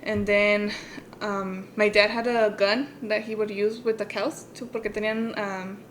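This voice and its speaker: A woman co-hosting a podcast, telling a personal story and switching between English and Spanish mid-sentence. She rises high and loud when quoting her parents. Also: level tone, slow, slight background noise. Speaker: podcast co-host.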